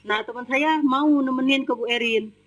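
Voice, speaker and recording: A woman's voice: high voice, moderate pace, poor audio. Woman plainly recounting her account. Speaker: domestic worker giving testimony. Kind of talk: personal testimony.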